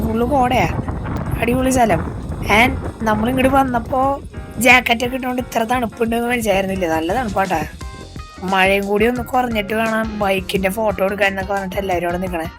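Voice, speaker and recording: A woman narrating a casual travel vlog, colloquial and exclaiming, mixing English words into her Malayalam. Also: mid-range voice. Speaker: travel vlogger. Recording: loud background music.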